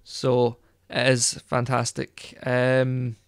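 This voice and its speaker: Smooth-voiced man rambling casually. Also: mid-range voice, monotone, drawn-out words, no echo. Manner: rambling, hesitant, many fillers. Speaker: podcast co-host. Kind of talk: casual chat.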